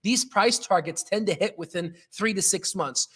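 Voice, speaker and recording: A man hosts a live stock-trading stream, excitable and full of jokes, speaking casually but emphatically as he comments and takes chat questions. His voice sits high with a breathy edge, moving at a moderate pace.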